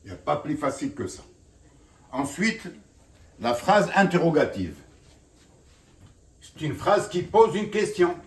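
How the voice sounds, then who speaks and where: A man gives a classroom grammar lesson, speaking slowly in a fairly high, lively voice and filling his explanations with "bien sûr". He is recorded from some distance off the mic in a roomy space. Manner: slow, explanatory, repeats "bien sûr" often. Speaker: French teacher.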